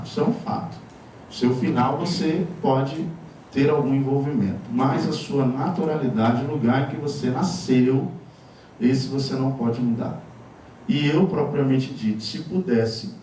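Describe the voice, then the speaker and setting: Male Brazilian pastor, mellow voice, wry conversational preaching, distant mic in a reverberant church. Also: medium pitch, a little hiss or hum. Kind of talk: sermon. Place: church sanctuary. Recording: echoey church hall from far off.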